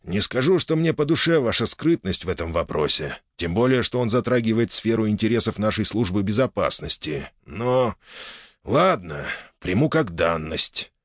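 A man's voice: fairly low pitch, animated, moderate pace, a bit bright, no echo, clean studio sound. A man voicing a grumpy, formal old nobleman in his eighties in an audiobook. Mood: curt displeasure. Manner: stiff, displeased, formal.

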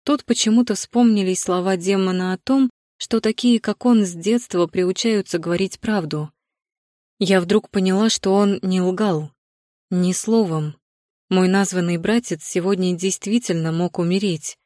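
Woman, first-person audiobook narration, low voice, composed, dry close mic. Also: a little slow, dark tone, no room sound.

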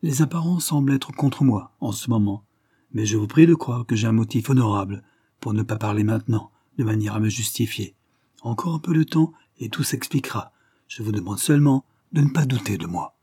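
A man reading a calm, proud young gentleman. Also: on the low side, slightly rough, no echo, studio quality. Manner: calm, measured, dignified. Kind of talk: audiobook reading.

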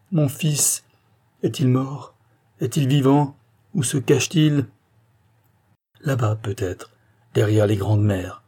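A man reading a dying mother's words in an audiobook, impassioned and pleading, with a husky voice. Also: medium pitch, mellow. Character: dying middle-aged mother, anguished and grieving.

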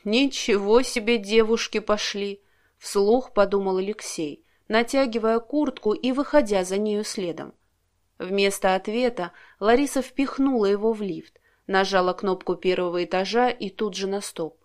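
A woman narrating an audiobook in a calm, measured reading voice. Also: medium pitch. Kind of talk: scripted narration.

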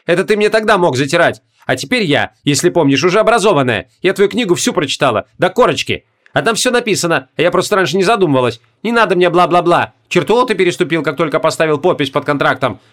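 A man's voice: a little high, expressive, fast talker, a bit bright. A man reading an audiobook voices a brash young woman apprentice who teases and scolds her teacher. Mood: teasing. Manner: teasing, indignant.

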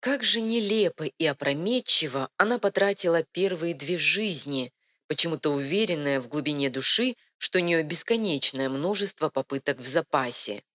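A woman narrating a fantasy story in a calm, even audiobook reading. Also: low voice, normal speed.

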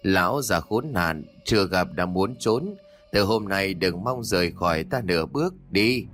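A man's voice: deep voice, lively intonation, a little slow, fairly bright tone. A man voicing a cold, domineering old wife. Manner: cold, commanding.

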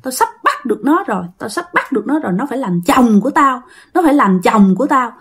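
A woman's voice: on the high side, sing-song, quick pace, fairly bright tone. A woman voicing a vengeful female ghost nearly a hundred years old who has turned into a demon, snarling threats. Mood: furious.

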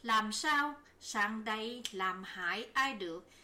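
A woman's voice: medium pitch, animated, takes it slowly, bright, forceful tone, exaggerated voice. A woman voicing a defiant, jealous concubine who scolds a servant indignantly in an audiobook. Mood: indignant scolding.

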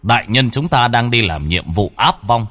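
A man's voice: medium pitch, expressive, normal speed, bright, forceful tone. A man doing a stiff cat-headed ghost bailiff. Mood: formal accusing.

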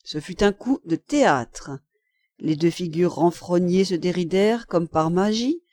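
A woman reading a classic novel aloud as an audiobook narrator, in a measured, expressive storytelling manner. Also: fairly low pitch, no echo, clean studio sound. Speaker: audiobook reader. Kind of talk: scripted literary narration.

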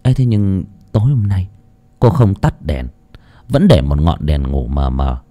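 Expressive man narrating a horror story. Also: deep voice, unhurried. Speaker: audiobook narrator.

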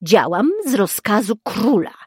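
A woman's voice: mid-range voice, lively intonation, unhurried, a little mellow, husky, dry recording, clean studio sound. A woman voicing a hostile, threatening male hired assassin in a harsh, snapping manner.

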